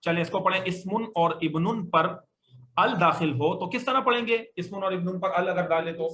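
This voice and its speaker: Guy teaching arabic grammar to a class, high bright voice, keeps asking students to say it back. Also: normal speed. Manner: drills students with call-and-response questions.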